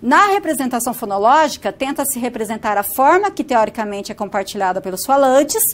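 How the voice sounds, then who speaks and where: A woman's voice: a little high, big pitch swings, fairly quick. A woman with a northern Paraná Brazilian accent giving a recorded phonetics lecture, explaining step by step and often checking in with tag questions. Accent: Brazilian Portuguese, northern Paraná. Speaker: phonetics teacher.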